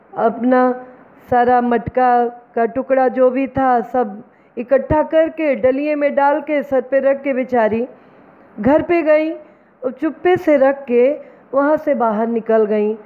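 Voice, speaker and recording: Brief: woman storyteller, high and unhurried, devotional folk tale, tinny phone-like recording.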